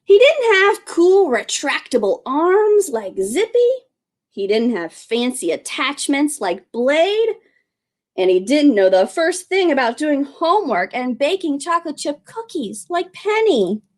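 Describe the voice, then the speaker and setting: A children's librarian with a high-pitched, animated voice reads a picture book aloud at storytime. She's expressive, full of exclamations, and asks questions of her young listeners while addressing them warmly.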